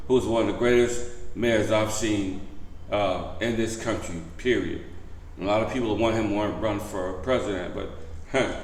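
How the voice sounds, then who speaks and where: A man hosting a vlog, giving a casual update to viewers and repeating key points with emphasis. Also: on the low side. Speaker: vlog host. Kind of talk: casual news update to camera. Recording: echoey room.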